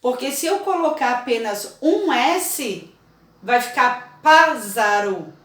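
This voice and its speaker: A slow, unhurried woman teaching young pupils to spell, patient and forever checking whether they follow. Her voice sits a little high and reaches the mic from a short distance. It rings around an echoey room. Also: expressive, a bit bright. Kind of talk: children's spelling lesson.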